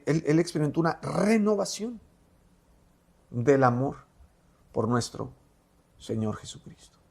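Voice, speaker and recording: A man's voice: a little high, vocal fry, darkish tone. A man teaching a Bible study lesson in a conversational way, reading scripture and retelling it with frequent fillers and self-corrections. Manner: conversational, paraphrases and reads scripture aloud.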